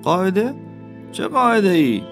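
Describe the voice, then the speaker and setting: A man voicing a proud city judge who talks in a sharp, threatening way. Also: high-pitched, very animated, music in the background, voice pushed up. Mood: indignant, warning.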